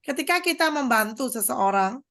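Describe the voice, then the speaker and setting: A woman's voice: high voice, animated, normal speed, fairly bright tone. A woman doctor giving a religious motivational talk, explaining through everyday analogies, acting out quotes and addressing her audience directly.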